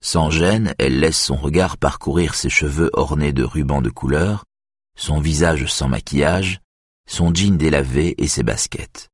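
Deep, husky male audiobook narrator. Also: dry recording, studio quality. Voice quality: measured, even storytelling.

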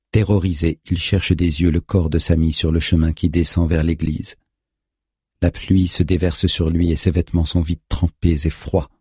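A man narrating a thriller audiobook in a steady, tense storytelling manner. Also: deep voice, breathy edge, no echo, studio quality.

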